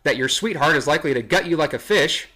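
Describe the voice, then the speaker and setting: A man's voice: a little high, expressive, fast, bright, forceful tone. A young man reacting to a list with sarcastic, rambling commentary that corrects itself as it goes. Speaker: vlogger. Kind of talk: casual commentary reading a list.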